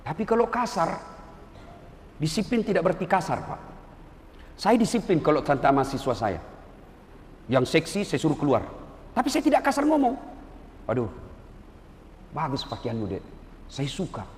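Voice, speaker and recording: A man delivers a lively sermon in a large hall, his voice high and swinging widely between loud exclamations and hushed asides. He acts out small dialogues as he goes. The sound rings with long reverb and a faint room hum. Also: moderate pace, long pauses. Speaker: preacher. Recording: echoey hall with faint ambience.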